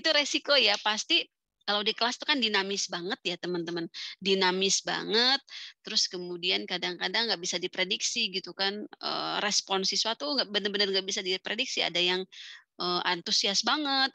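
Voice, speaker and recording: A woman's voice: medium pitch, moderate pace, vocal fry, sharp tone, dry recording. A young woman with an Indonesian accent giving an online class, talking in a chatty way, mixing English into her speech and laughing often. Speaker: English teaching lecturer.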